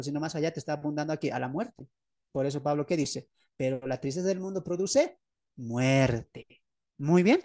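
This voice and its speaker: A man's voice: fairly high pitch, darkish tone, no echo, clean studio sound. A man preaching as a pastor, explaining his book's teachings, often asking the audience questions and repeating key phrases for emphasis. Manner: asks the audience rhetorical questions. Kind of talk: teaching sermon presenting his book.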